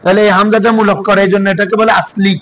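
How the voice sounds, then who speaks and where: A man's voice: high-pitched, flat delivery, rapid-fire, fairly bright tone, a little hiss or hum, rough recording. A man teaching an Arabic grammar class in Bengali, drilling his students with constant repeated questions. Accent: Bangladeshi Bengali. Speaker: madrasa teacher.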